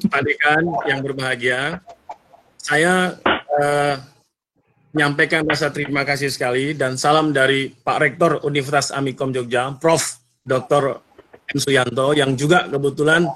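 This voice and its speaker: A middle-aged man from North Sumatra, Indonesia, is a guest speaker in an online seminar, chatting and joking with the audience over a computer mic on a video call. His medium-pitched voice is pushed and bright, fairly even, at normal speed, and the recording is rough.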